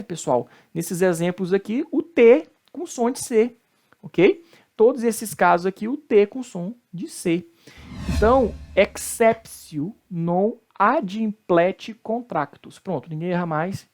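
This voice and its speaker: A man with a Brazilian Portuguese accent, a law professor giving a recorded lecture, explaining step by step with frequent tag questions and slowing down to pronounce Latin terms. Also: high voice, a little mellow.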